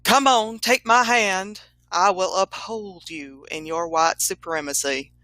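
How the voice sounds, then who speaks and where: A preachy male Confederate ghost, as a woman reads him, lecturing slowly and deliberately. The voice is bright and forceful, recorded dry and close with no room sound. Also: mid-range voice, no echo.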